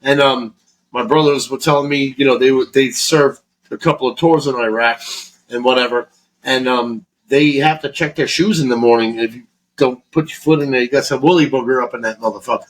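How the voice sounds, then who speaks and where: A man's voice: medium pitch, fairly even intonation, brisk, poor audio. A man from Florida co-hosting a podcast, rambling through a casual chat in a heavily profane, restart-filled way. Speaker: podcast co-host.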